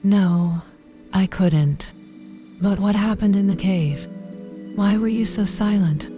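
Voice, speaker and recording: A woman's voice: medium pitch, slow pace, lightly acted. A woman playing a naive, inquisitive young night elf druid in a fantasy role-play. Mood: curious, innocent. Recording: new-age music behind.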